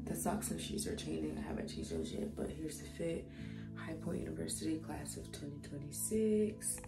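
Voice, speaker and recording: A woman's voice: sits low, gravelly. An eighteen-year-old woman chatting casually into her phone camera for a vlog, rambling with lots of fillers. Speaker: vlogger. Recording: music playing underneath.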